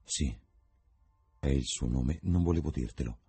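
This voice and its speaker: A man's voice: a bass voice, unhurried, dark tone, husky, heavily acted. A man voicing an earnest, secretive young painter in a read-aloud novel.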